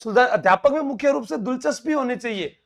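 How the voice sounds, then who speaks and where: Man, Rajasthani Bagri accent, high voice, coaching teacher, chatty and coaxing, live online class. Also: lively intonation, quick pace, gravelly. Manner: chatty, coaxing, mixes in local dialect.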